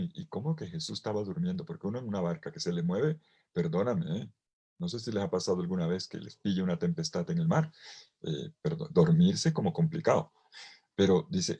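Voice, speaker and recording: A priest preaching a sermon at a virtual retreat, acting out the quoted lines with dramatic emphasis. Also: male voice, fairly low pitch, dark tone, husky.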